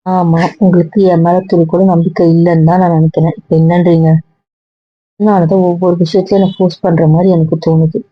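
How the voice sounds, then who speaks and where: A woman voicing a hurt young woman who questions her partner with quiet reproach. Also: lowish voice, little pitch movement, brisk, no room sound, highs cut off, lightly acted. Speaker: young wife or girlfriend. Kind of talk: Tamil audio drama acting.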